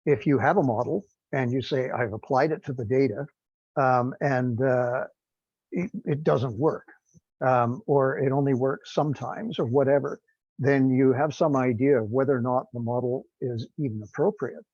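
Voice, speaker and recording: This man's voice sits at medium pitch with a darkish tone and a normal pace, heard without echo. Taking part in a technical teleconference as a non-scientist project member, he talks casually, wandering and hesitating while putting himself down. The connection sounds dull, lo-fi and dry.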